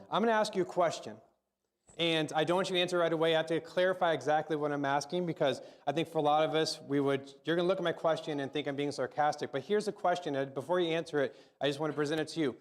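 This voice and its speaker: A man with a slightly high voice preaches and prays in a church service. He talks conversationally, often restarting and repeating his words. Faint music sits behind him. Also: fast talker. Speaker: pastor. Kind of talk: sermon with spoken prayer. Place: church service, also live-streamed.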